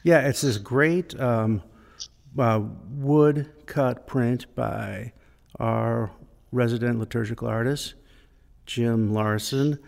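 A man's voice: medium pitch, slow, creaky, darkish tone. A man co-hosting a podcast in casual chat, hesitant with many fillers, recorded alone in an empty church sanctuary with a cathedral-like echo. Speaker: podcast co-host. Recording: echoey church hall reverb.

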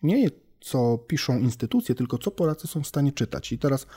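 A man, a language researcher, explaining his work in a relaxed conversation with homely examples and frequent thinking-aloud fillers. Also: mid-range voice, fairly quick, slightly rough. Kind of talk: casual expert conversation.

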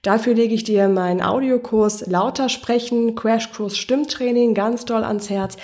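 A woman's voice: on the high side, fairly even intonation, a little slow, a little mellow. A woman working as a voice coach, presenting a podcast lesson in an encouraging, explanatory way and speaking straight to the listener with guiding questions. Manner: encouraging, addresses the listener directly.

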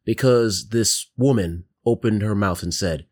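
A man's voice: on the low side, measured pace, a little mellow. A man narrating descriptively as game master of a tabletop game.

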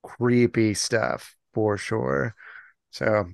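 Man, podcast co-host, casual chat, unhurried, gravelly, smooth, dry sound, rambling with laughs. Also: on the low side, no echo. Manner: rambling, laughs often, drifts off on tangents.

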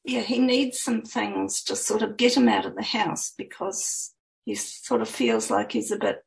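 A woman's voice: a little high, steady tone, a little slow, gravelly, rough recording. A woman author talking about her book and reading from it in a chatty, hesitant way. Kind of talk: interview answers and reading aloud.

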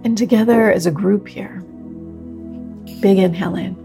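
A woman leading a guided meditation like a sleep story narrator, speaking gently and slowly with long pauses. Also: mid-range voice, steady tone, vocal fry. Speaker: meditation teacher leading a group practice. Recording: new-age music under the voice. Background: soft new-age music.

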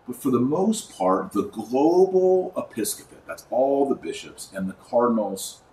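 An American man hosting a podcast, who also teaches online courses, delivers an informal, opinionated monologue from a desk indoors. His medium-pitched voice is expressive, mellow and a little slow, and he emphatically repeats and lists points for effect. The recording has a roomy echo, a distant mic and faint noise.

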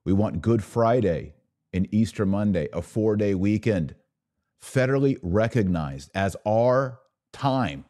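With a lowish, mellow voice, this male podcast host speaks expressively and a little slowly. As a political commentator, he gives a passionate monologue, hammering points home rhetorically through repeated phrases.

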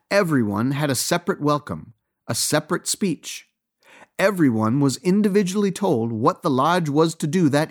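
A man reading a story aloud as narrator, in a wry, gently ironic tone. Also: on the high side.

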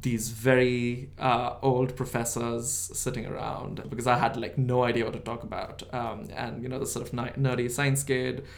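A man's voice: medium pitch, flat delivery, moderate pace, gravelly, hardly any pauses. A man from India, telling stories in an interview with a self-deprecating, laughing manner. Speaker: guest. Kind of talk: interview storytelling.

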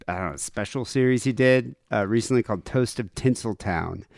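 A man's voice: on the low side, a little fast, creaky, a little mellow, dry recording, clean studio sound. An American man hosting a podcast in a casual, joking, conversational style. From United States. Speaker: podcast host. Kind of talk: casual comic banter.

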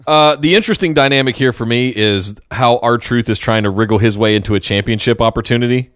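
A man's voice: medium pitch, a little fast, fairly bright tone, no room sound, clean studio sound. A man co-hosting a podcast, jumping eagerly into a casual talk about wrestling. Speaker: podcast co-host.

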